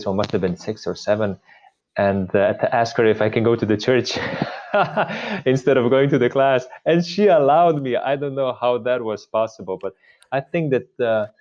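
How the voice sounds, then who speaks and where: Slovenian-accented male priest, interview guest, halting delivery, muffled remote sound. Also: medium pitch, darkish tone. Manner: hesitant, many filler pauses. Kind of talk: interview conversation.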